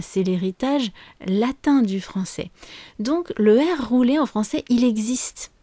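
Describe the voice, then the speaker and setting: A woman teaching her language on a podcast, explaining calmly with frequent fillers and pauses. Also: a little high, dry recording. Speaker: French teacher and podcast host. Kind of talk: podcast lesson monologue.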